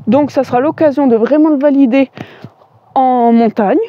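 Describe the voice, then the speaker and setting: A woman's voice: high-pitched, normal speed, no echo, highs cut off. A woman giving a chatty, enthusiastic walkthrough of her bikes, with lots of fillers. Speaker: cycling vlogger. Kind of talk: casual bike walkthrough.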